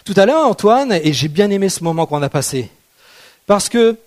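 A man's voice: sits high, big pitch swings, normal speed, darkish tone. A man preaching a sermon in a conversational, playful way, often asking the congregation rhetorical questions. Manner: playful, jokes with the audience.

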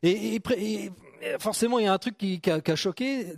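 A man preaching in a chatty, joking way, often breaking off and starting over as he talks to his congregation. His voice sits high for a man. The sound is close and dry, with no room echo. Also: fairly quick. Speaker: pastor. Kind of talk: sermon.

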